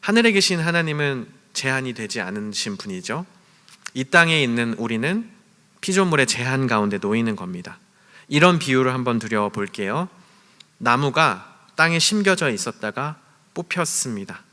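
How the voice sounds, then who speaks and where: A man's voice: mid-range voice, big pitch swings, normal speed. A man preaching a sermon to a youth group, telling stories and acting out the lines he quotes. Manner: storytelling, acts out quoted lines with shouts and whispers. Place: church hall. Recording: long church hall reverb.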